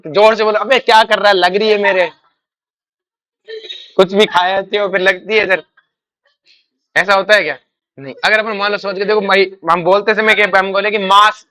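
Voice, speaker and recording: High-pitched, bright-voiced male chemistry teacher. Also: steady tone, clean tone. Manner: asks quick check questions and repeats key words; calls students "beta", uses homely examples. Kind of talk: classroom lecture.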